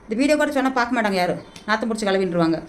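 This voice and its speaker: A woman's voice: medium pitch, expressive, a little hiss or hum. A middle-aged woman vlogging into a hand-held phone, making an emotional, repetitive plea to be paid back. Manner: pleading, repetitive, rapid-fire and agitated. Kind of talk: emotional direct-to-camera plea.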